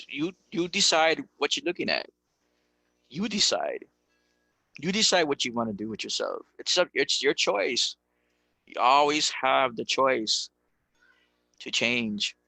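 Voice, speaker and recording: A man's voice: mid-range voice, vocal fry, pushed and bright, no room sound, rough recording. A man giving a casual livestream lecture on spirituality, talking in an emphatic, preachy way, repeating rhetorical questions and swearing casually.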